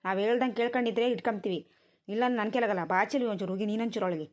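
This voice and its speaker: A woman's voice: medium pitch, very fast, a little mellow, lightly acted. Woman voicing a scolding village grandma. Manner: nagging, scolding rural speech. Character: scolding village grandmother, tired and sharp-tongued. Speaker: grandmother tending a newborn.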